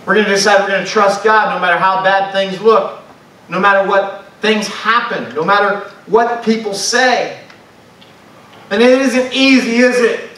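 A pastor preaches a sermon to his congregation in a church sanctuary, speaking conversationally and putting questions to the room. His high voice is sharp, with a steady tone and moderate pace. A distant mic gives it echoey church sound.

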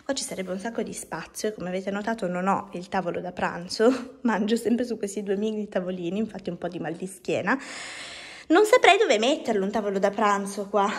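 A woman's voice: mid-range voice, normal speed. Young woman chatting while walking her apartment. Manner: chatty, rambling with fillers. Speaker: vlogger. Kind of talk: casual home-tour vlog. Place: apartment rooms indoors. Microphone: phone held at arm's length.

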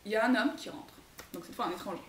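A woman's voice: medium pitch, rapid-fire, roomy sound, distant mic, slight background noise. A woman telling a story aloud in a casual, laid-back way, with lots of hesitations and laughter. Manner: relaxed, laughing, hesitant with many fillers.

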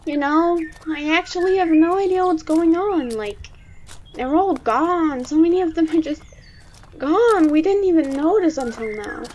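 Woman as an excitable high-pitched monster boy. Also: unhurried, slight background noise. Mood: uneasy. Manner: slangy, eager kid talk. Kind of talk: fan audio drama acting. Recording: dull, lo-fi microphone sound.

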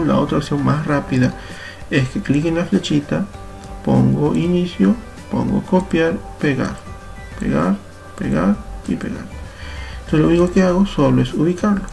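A young man with a Peruvian Spanish accent, a computer teacher patiently walking through a software tutorial step by step, correcting himself as he goes. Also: on the high side, creaky. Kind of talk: screen-recorded software tutorial.

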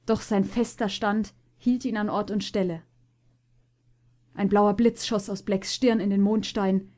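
A woman narrating a storybook as an audiobook reader, with an expressive, lively delivery. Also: medium pitch.

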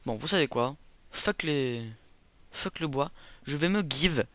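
A man's voice: on the high side, lively intonation, unhurried, a bit bright. A young man giving casual, rambling commentary over a video game, joking at his own expense. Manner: rambling, self-mocking, jokey asides. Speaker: gameplay commentator. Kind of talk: casual let's play commentary.

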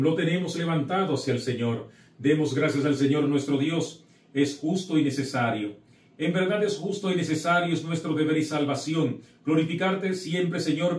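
A middle-aged man, a priest, preaching with encouragement and then solemnly reciting the prayers of the Mass. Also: fairly high pitch. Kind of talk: sermon and Mass liturgy. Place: small chapel set with altar, indoors. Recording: echoey room, voice from far off.

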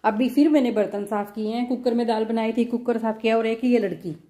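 Woman, 30s, home vlogger and mother; chatty, playfully scolding; fairly high voice, phone camera in the kitchen. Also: steady tone, a little fast, mellow. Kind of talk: casual chat to viewers.

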